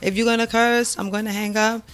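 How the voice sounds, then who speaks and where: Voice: medium pitch, level tone, brisk, fairly bright tone, smooth, faint music behind, voice pushed up, close to an everyday voice. A storyteller putting on the voice of a flustered female airline phone agent who pleads and threatens to hang up. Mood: pleading.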